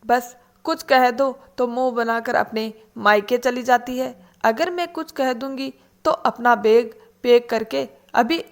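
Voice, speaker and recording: A woman voicing a meek older mother who complains softly and resignedly. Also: fairly high pitch.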